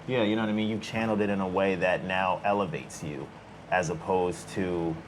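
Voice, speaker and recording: A man's voice: low-pitched, steady tone, brisk, background noise. A man hosting a podcast, laid-back and chatty, often asking "you know what I mean". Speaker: podcast host. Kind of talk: casual conversation.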